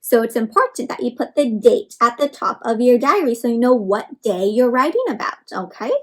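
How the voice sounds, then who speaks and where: At a moderate pace, a high-voiced woman who hosts and teaches reads a picture book aloud to children in an interactive session. She is expressive and instructive, calling her listeners friends and posing frequent questions.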